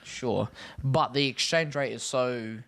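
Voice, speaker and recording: A man's voice: mid-range voice, takes it slowly, vocal fry, a bit bright, no echo. Casual male panellist, broad Kiwi accent, emphatic delivery, very little room sound. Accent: broad Christchurch New Zealand. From Christchurch, New Zealand. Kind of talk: casual chat.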